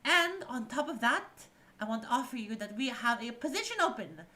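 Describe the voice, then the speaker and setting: A woman's voice: on the high side, lively intonation, a little fast, heavy background noise, close to an everyday voice. A woman voicing a flamboyant, gushing short male showman who talks in theatrical exclamations. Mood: grand.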